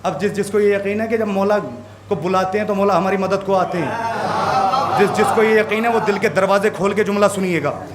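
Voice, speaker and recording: A man preaching a majlis sermon, telling a story with drama and building to impassioned shouts. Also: high voice, steady tone, moderate pace, heavy background noise. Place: mourning gathering hall. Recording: crowd heard around speaker. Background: listening congregation.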